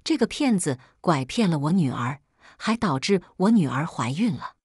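A woman's voice: low-pitched, very animated, normal speed, a little mellow, husky, dry recording, studio quality, exaggerated voice. A woman voicing a scheming middle-aged mother who shrieks and bullies. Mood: scolding. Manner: shrieking, bullying.

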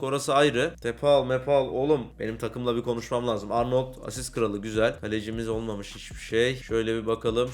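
A young man casually commenting on a football career-mode game, talking to viewers and swinging between cheer and grumbling. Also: mid-range voice. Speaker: gaming YouTuber.

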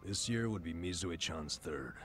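A man's voice: deep voice, lively intonation, normal speed, over music. An actor playing a weary, self-loathing middle-aged man in a dramatic video game scene. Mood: resigned, explaining.

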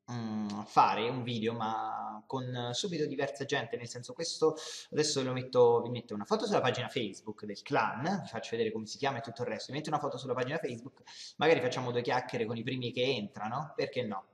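A young man talks casually to viewers as he plays, in a reverberant, echoey room. His voice sits at a medium pitch, and he rambles along, circling back over his own phrases. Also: fairly quick. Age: young adult. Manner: rambling, repeats himself. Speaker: gaming video host. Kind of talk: casual gaming commentary to viewers. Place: indoor room in front of a backdrop.

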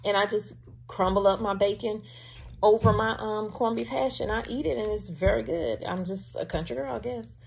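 A woman's voice: mid-range voice, normal speed, vocal fry, a little mellow, a little hiss or hum. A woman talks casually with her viewers from home. Her manner is homey and chatty, and she calls them y'all. The recording has the close, plain sound of a handheld camera indoors. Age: adult with a daughter. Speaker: vlogger showing a grocery haul. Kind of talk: casual chat.

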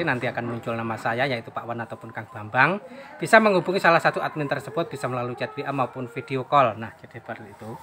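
A man from Indonesia walks through a bird shop outdoors, filming a chatty sales vlog on his phone. His voice is bright and forceful, and he keeps coming back to the same set phrases. A faint hiss of noise sits under the outdoor sound. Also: fairly high pitch. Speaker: bird seller.

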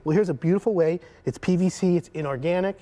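Talking fast in a dark-toned voice, this middle-aged man is a home improvement expert guesting on a TV talk show. On the studio set, lapel mic clipped on, he pitches a product with upbeat energy and gestures toward samples.

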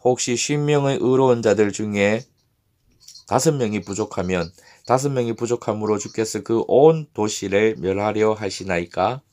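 A man's voice: lowish voice, normal speed, a little mellow, lightly acted. A man voicing an aged male patriarch who pleads earnestly and humbly, in a scripture reading. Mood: pleading. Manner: earnest, deferential appeals.

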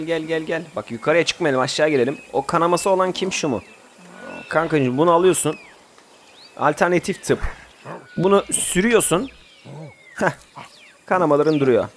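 His voice leaning high, a young male gamer offers casual Let's Play commentary on a survival game, chatting, ordering his group around, and exploding suddenly at moments. A little hiss or hum is audible.

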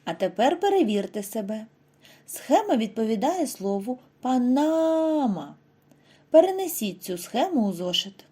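Lively, mellow-voiced woman teaching young children. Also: a little high, husky. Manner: slow, over-articulated model words for children. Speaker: primary school teacher. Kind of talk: scripted lesson narration for first graders.

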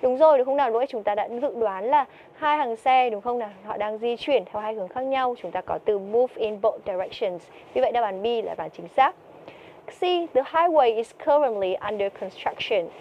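Bright-voiced woman teaching English vocabulary. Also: on the high side, normal speed, lo-fi sound, a little hiss or hum. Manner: asks questions and answers them herself. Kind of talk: TOEIC vocabulary lesson.

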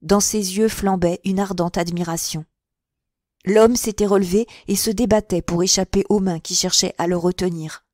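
A woman narrating a classic novel as an audiobook in a clear, measured and expressive way on a close mic. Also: medium pitch, no echo.

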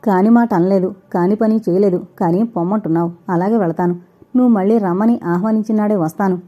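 A woman voicing an earnest young man who calmly reasons and pleads his love, read as an audiobook character. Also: mid-range voice, brisk, lightly acted. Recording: dull lo-fi recording.

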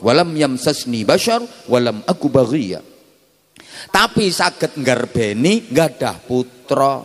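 A man's voice: mid-range voice, sing-song, takes it slowly. A male preacher with a Javanese accent giving a humorous sermon, teasing and quizzing his audience as he talks. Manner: jokey, mixes Javanese and Indonesian, quizzes the audience. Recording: hall reverb.

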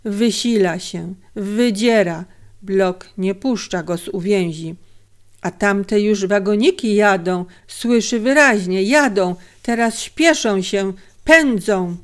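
A woman's voice: mid-range voice, slow. A woman narrating a story aloud in a dramatic audiobook reading. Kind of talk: scripted narration.

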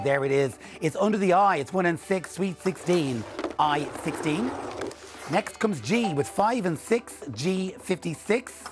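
Wearing a lapel mic in a television studio, this bingo presenter is a middle-aged man whose voice sits fairly high. Music plays clearly in the background as he delivers scripted links and calls in an upbeat yet measured, clear way.

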